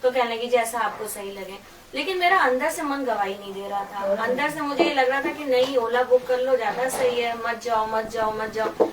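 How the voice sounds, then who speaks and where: Middle-aged woman telling her testimony, high voice, far from the mic, noisy. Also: brisk, a crowd in the background. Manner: storytelling, quoting others. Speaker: church member giving testimony. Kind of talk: testimony to a congregation. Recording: echoey room from far off, noisy.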